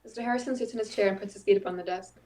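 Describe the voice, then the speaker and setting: A woman reading the scene narration of an audio drama in a plain, even way. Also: mid-range voice, very fast.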